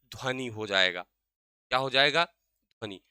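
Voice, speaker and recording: A young man teaching an exam-prep grammar lesson. He keeps asking his own questions and answering them, and he slows down to spell out sounds. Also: mid-range voice, pushed and bright, clean tone, no echo.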